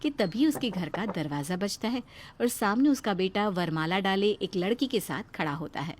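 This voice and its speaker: A woman giving steady scripted narration for a cartoon moral story. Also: mid-range voice, normal speed, slight background noise.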